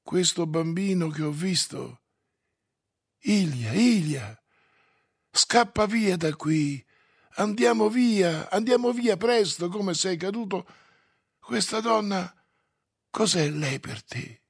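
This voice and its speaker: A man voicing Stolz, an earnest man pleading insistently with his old friend, in a gravelly, husky voice. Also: high voice, expressive, slow pace, long pauses, no echo, clean studio sound, exaggerated voice. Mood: dismayed.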